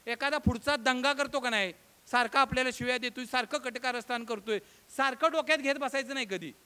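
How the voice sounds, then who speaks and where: A man giving a motivational public lecture, talking straight to the crowd with rhetorical questions and swinging from loud declaiming to low, close tones. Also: brisk, smooth. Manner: emphatic oratory, addresses audience as friends, rhetorical questions. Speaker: guest lecturer.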